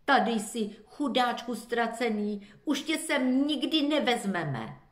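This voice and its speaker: A woman's voice: on the high side, expressive, roomy sound, pitched above the performer's own voice, lightly acted. A woman doing eager young children calling out. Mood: tender. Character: worried young children calling their dog.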